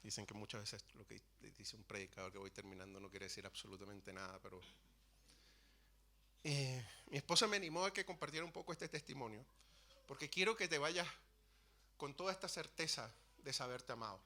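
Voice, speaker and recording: A man's voice: mid-range voice, lively intonation, brisk, bright, forceful tone. A man, telling his faith testimony from the pulpit in an earnest, storytelling way, often restarting his phrases. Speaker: preacher sharing testimony. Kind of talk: sermon testimony. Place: church.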